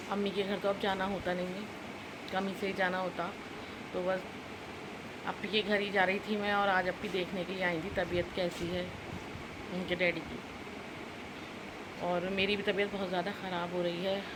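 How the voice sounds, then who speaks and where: A woman's voice: on the low side, very noisy. A middle-aged woman vlogger chatting casually with her viewers from her home kitchen. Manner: chatty, addresses viewers as guys. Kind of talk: casual home vlog chat.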